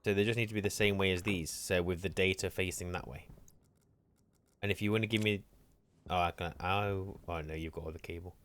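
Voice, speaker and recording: Very deep-voiced man, dry teasing. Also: steady tone, a little fast, a bit bright, slight background noise. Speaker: gaming channel host. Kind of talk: casual co-op gameplay chat.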